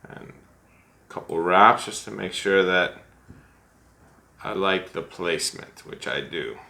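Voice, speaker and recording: In a relaxed tutorial, a middle-aged man from the United States ties a fly step by step in a small room, talking easily, mulling each choice aloud and teasing himself. His voice is very low and gravelly yet bright and forward, unhurried, recorded by a camera at desk distance.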